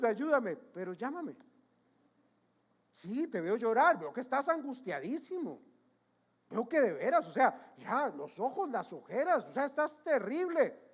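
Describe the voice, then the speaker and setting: A man's voice: very high voice, husky. A man preaching a sermon as pastor, emphatic, repeating his points and questioning the congregation.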